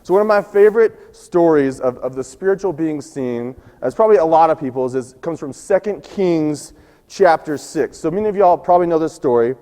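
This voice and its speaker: A man preaching a sermon, telling a scripture story and acting out its quoted lines, his voice going hoarse. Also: a little high, lively intonation, fairly quick, dark tone, big-room sound. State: losing his voice. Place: church sanctuary.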